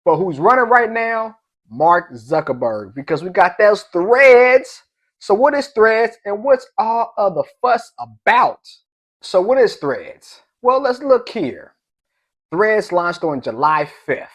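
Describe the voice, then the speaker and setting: A man's voice: sits high, big pitch swings, takes it slowly. A young man casually riffing on tech investing news in his own channel, playful and slangy with little sound effects thrown in. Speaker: finance vlogger. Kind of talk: casual energetic commentary.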